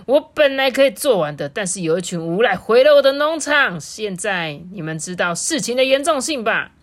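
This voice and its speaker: A woman's voice: medium pitch, sing-song, normal speed, fairly bright tone. A woman voicing a grumpy, hard-working male farmer who scolds intruders sternly. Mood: grumpy scolding.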